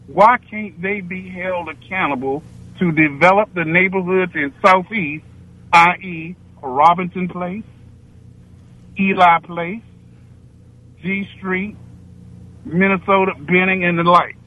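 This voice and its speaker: A man in his sixties from Washington, D.C., calling in to a radio talk show on an echoey speakerphone line, blunt and emphatic. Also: sits high. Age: 60s. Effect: echoey speakerphone over a phone line. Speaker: caller. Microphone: phone on speakerphone. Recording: echoey dull speakerphone call.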